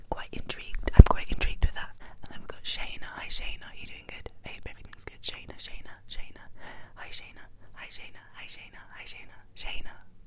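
Woman whispering fast, chaotic ASMR. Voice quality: breathy, unvoiced whisper. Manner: playful, rambling, repeats words over and over. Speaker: ASMR video host.

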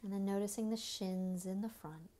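Leading a body scan meditation, this woman keeps a medium pitch and fairly even intonation. Her delivery is unhurried and gentle, with breathy, soft phrase endings and long silences after each short phrase.

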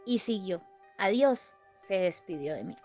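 A woman's voice: mid-range voice, expressive, measured pace, a little mellow, soft background music. A woman tells a personal story in a conversational way, with restarts and repeated phrases. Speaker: guest giving a testimony.

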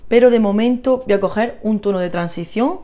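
Una vlogger de belleza con acento de España que charla de forma animada y entusiasta con sus seguidoras mientras se maquilla. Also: female voice, mid-range voice, brisk, warm tone. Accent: Spain Spanish. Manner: chatty, gushing, talks to viewers while applying makeup. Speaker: beauty vlogger. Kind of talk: casual makeup tutorial chat.

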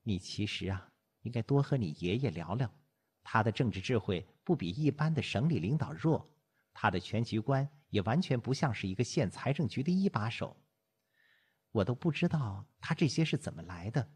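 Coquettish young woman in an audiobook, teasing, bright and lively; a man reads her. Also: medium pitch, moderate pace, slightly rough. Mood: earnest. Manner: playful, pouting.

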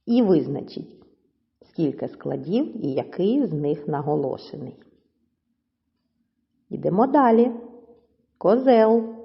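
A woman teacher giving a slow, clear lesson to children, stretching words out syllable by syllable. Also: fairly low pitch, very animated. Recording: dull audio with long reverb.

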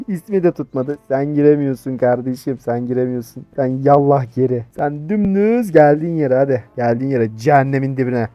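A man's voice: mid-range voice, muffled recording. Man grumbling through gameplay commentary. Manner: talks to game characters, grows irritated and shouts insults. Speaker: gaming YouTuber.

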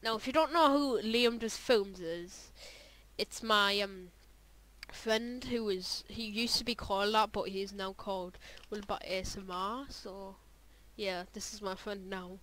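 A woman's voice: mid-range voice, a little slow, a bit bright, low-quality recording. A young woman chatting casually as she reacts to her own old videos, rambling with lots of fillers and trailing off. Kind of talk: casual reaction vlog commentary.

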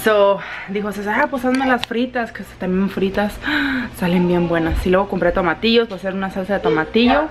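A chatty vlogger with a mid-range voice talks fairly quickly in a casual home vlog, moving freely between Spanish and English. She's expressive, filming in her kitchen and laundry area, and the home recording is noisy.

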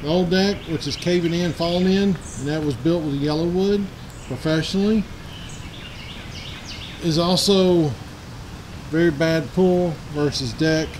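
A man's voice: fairly high pitch, unhurried, pauses often, a little mellow, a little hiss or hum, poor audio. A man in his forties giving a rambling, plainspoken tour of his backyard, recorded outdoors on a handheld camera. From Middle Tennessee. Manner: rambling and plainspoken, self-correcting. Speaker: outdoors channel host. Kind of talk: casual walkthrough vlog.

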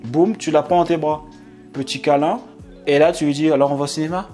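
Casting man, fairly high voice, chatty monologue host, mimics others, laughs easily, faint music underneath. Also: brisk. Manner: animated, acts out quoted voices, laughs often. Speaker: YouTube channel host. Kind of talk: casual monologue to camera.

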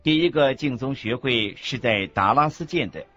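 Pushed and bright, this mid-range voice stays animated at normal speed as a man narrates a monk's religious teachings for radio drama. He reads the script carefully and instructively, with music running under muffled audio.

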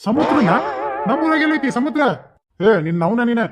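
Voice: mid-range voice, expressive, normal speed, over music, close to an everyday voice. A voice actor playing a blunt, scolding old village husband in a cartoon, with a North Karnataka accent. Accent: North Karnataka Kannada.

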